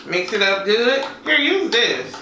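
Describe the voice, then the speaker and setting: Her voice a little high and a bit slow, a woman in her thirties chats her way through a relaxed cooking demo in her own kitchen, peppering it with folksy sayings. The distant camera mic picks up a roomy space, clattering dishes, and a noisy background.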